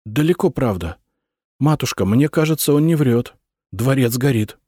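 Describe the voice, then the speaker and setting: A man voicing a sharp-eared young noblewoman in a raised, higher voice. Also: lively intonation, normal speed, husky, no room sound, studio quality. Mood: uneasy.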